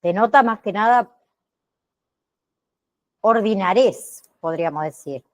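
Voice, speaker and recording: A woman teacher giving an online class lecture, speaking deliberately and checking in with frequent tag questions. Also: medium pitch, lively intonation. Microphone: computer mic on a video call.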